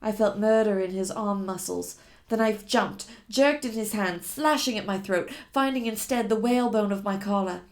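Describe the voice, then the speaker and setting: A woman's voice: medium pitch, moderate pace. A woman narrating a novel in the first person, reading with dramatic tension. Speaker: reader of a novel.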